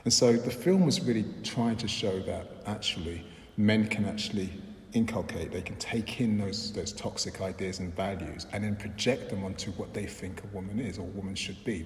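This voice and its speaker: In a reverberant hall with a long echo and a little background noise, a middle-aged Londoner gives thoughtful interview answers. He's a filmmaker and lecturer whose low-pitched delivery is measured, sprinkled with "um" and false starts.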